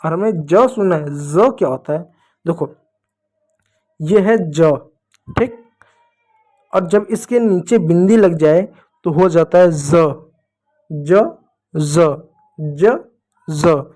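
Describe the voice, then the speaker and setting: A man's voice: high voice, slow pace, pauses often, warm tone. Man teaching phonics in a call-and-answer style. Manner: asks questions then answers them, addresses "dear children". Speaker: English teacher. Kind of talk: classroom phonics lesson.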